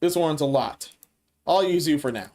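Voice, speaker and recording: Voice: medium pitch, expressive, moderate pace, darkish tone. A commentary host talking casually, blunt and profane, and sounding tired.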